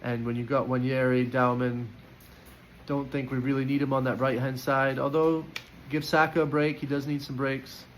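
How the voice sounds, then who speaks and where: A man's voice: medium pitch, little pitch movement, normal speed, a little hiss or hum, low-quality recording. A man giving casual, opinionated football player ratings in a chatty way, with frequent fillers and restarts. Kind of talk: casual post-match reaction.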